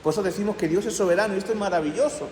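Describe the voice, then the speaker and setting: Earnest pastor in an echoey church. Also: male voice, high voice, rapid-fire, a little hiss or hum. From Spain. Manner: earnest, drops to soft hushed prayer tones, rises when stressing points. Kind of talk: sermon. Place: church hall. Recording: echoey church hall, slightly distant.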